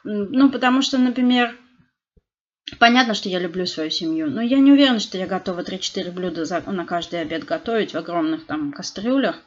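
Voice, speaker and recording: A woman's voice: lowish voice, fairly quick, highs cut off. A middle-aged woman in casual chat, talking animatedly with lots of fillers and restarts. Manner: chatty, animated storytelling with frequent fillers and restarts.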